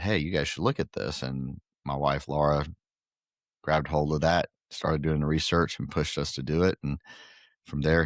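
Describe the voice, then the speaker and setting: Middle-aged man, very low voice, earnest, rambling with fillers, dry close sound. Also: no echo. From Guatemala. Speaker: pickleball facility owner and podcast guest. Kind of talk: casual interview chat.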